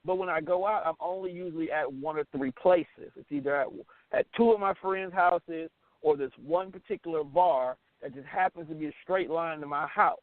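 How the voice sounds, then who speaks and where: Speaking at a moderate pace in a slightly high voice, a middle-aged American radio host talks in a casual, candid, blunt and emphatic way, often repeating his phrases. The recording has no echo but sounds tinny and band-limited, like a phone.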